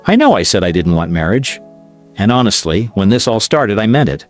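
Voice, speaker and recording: A man voicing a calm reserved young heir. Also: lowish voice, a little fast, faint music behind. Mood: reflective.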